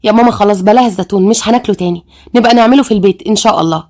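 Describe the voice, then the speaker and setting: A woman's voice: medium pitch, rapid-fire, a little mellow, lightly acted. A woman voicing a friendly, eager young woman in an Egyptian accent, speaking in an admiring, easygoing way.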